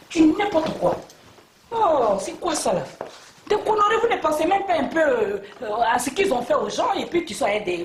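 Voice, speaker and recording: An actress playing a hotheaded big sister who scolds and mocks. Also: female voice, sits high. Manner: quarrelsome, scolding, mocking. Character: hotheaded Bété big sister, proud and stubborn. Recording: roomy and distant, faint hiss.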